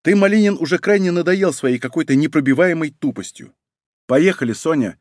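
Мужчина играет настойчивую молодую женщину, громко, живая интонация. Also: male voice, mid-range voice, expressive, a little fast, no echo, studio quality, close to an everyday voice. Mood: insistent. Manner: sharp, insistent. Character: forceful young woman agent, commanding.

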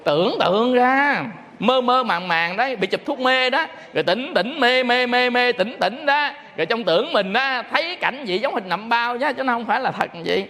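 A man's voice: extremely high pitch, normal speed, hardly any pauses. A man preaches as a Buddhist monk. He tells his stories animatedly, acting out the callers. His voice carries a long hall reverb. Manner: animated storyteller acting out phone calls. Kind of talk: sermon with storytelling.

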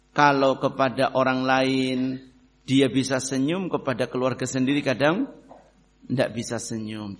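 A man preaching a sermon to his brothers in faith, lively, swinging between loud emphasis and quiet asides, often asking the audience questions. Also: medium pitch. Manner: addresses listeners as brothers, asks questions.

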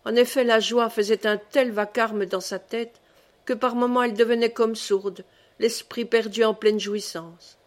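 Woman reading a classic novel, higher voice. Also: fairly even intonation, measured pace. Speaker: audiobook reader. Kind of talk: audiobook narration of a classic novel.

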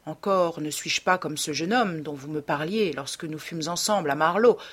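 A woman reading the part of a cynical, self-assured young man in an audiobook, in a smooth, detached way. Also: low voice, moderate pace, a bit bright. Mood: coolly musing. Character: cold, cynical young male dandy.

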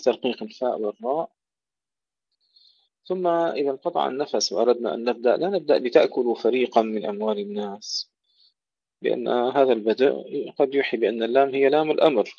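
Man, tajweed teacher, recites and repeats words slowly, precise, muffled dry audio. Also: mid-range voice, darkish tone, dry recording. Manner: slow and precise, repeats words to contrast right and wrong pronunciation. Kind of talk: tajweed lesson with recited examples. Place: home or small room, steps away to handle a phone.

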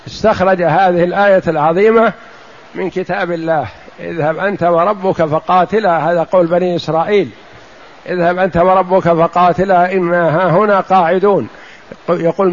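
A man commenting on a religious text in a lesson, explaining slowly and repeating key phrases. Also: high-pitched. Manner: explains slowly, repeats phrases and says "yes" to cue the reader. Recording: dull lo-fi recording.

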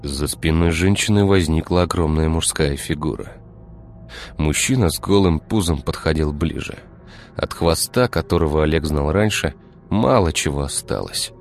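A man narrating an audiobook in a measured, even storytelling manner. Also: very deep voice, soft background music.

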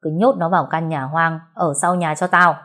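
A man's voice: a little high, steady tone, normal speed, bright, forceful tone. A woman voicing a spoiled, bullying young master. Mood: threatening. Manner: bossy, threatening. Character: spoiled, cowardly young rich man, cruel.

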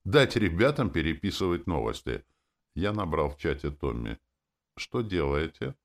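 Deep-voiced male audiobook narrator. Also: big pitch swings, moderate pace. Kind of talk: scripted fantasy narration.

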